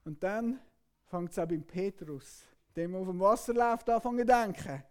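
A man preaching a sermon. He retells a story dramatically, moving between loud outbursts and hushed passages. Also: high-pitched, moderate pace, smooth.

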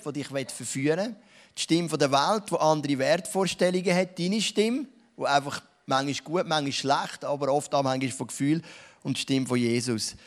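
A man preaching a sermon and leading a prayer, earnest, slowing down to stress key words, with a few restarts. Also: medium pitch.

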